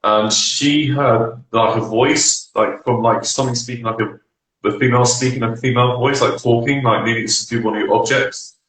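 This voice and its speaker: A man's voice: mid-range voice, steady tone, moderate pace, a bit bright, reverberant, poor audio. A man speaking as a guest on a live stream, loosely, with "like" repeated all the time. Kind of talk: casual live-stream chat.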